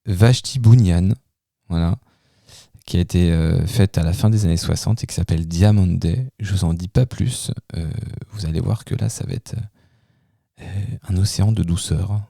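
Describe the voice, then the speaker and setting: Male radio host, gravelly, dry studio sound, hesitant and casual. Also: deep voice, moderate pace, dark tone, no room sound. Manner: hesitant, with many fillers and restarts. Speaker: radio host presenting music. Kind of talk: casual radio music commentary.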